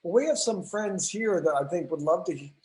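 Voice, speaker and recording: A woman's voice: fairly low pitch, expressive, fairly quick, a little mellow, rough recording. A woman hosting a live-stream video chat, effusive and gushing with praise. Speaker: host.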